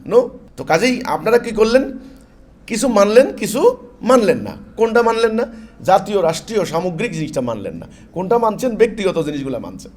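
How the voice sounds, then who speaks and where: A man's voice: a little high, darkish tone. Emphatic Bengali-speaking preacher man. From Bangladesh. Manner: emphatic, repeats phrases, mixes in English words. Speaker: Islamic preacher. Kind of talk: sermon-style religious talk.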